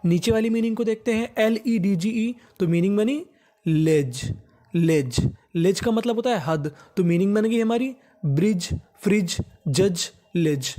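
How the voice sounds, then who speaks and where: A man teaching English phonics in a lesson. He spells each word out slowly, says it twice in a lower voice, and asks the class short questions that he answers himself. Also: warm tone.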